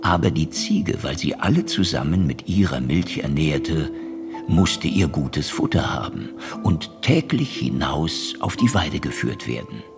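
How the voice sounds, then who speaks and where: A man narrating a fairy tale in an expressive storytelling manner. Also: extremely low pitch, unhurried, vocal fry. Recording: music behind.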